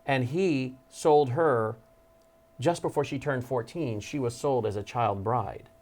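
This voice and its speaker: At a studio desk, a man hosting an interview show speaks in a mid-range, darkish voice at a measured pace. This talk show host is emphatic and increasingly urgent, his intensity building.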